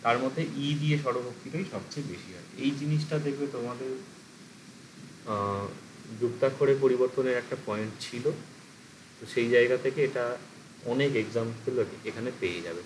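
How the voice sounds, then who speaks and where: A man's voice: medium pitch, a little hiss or hum, rough recording. A man teaching an exam-prep class. He explains step by step and asks and answers his own questions.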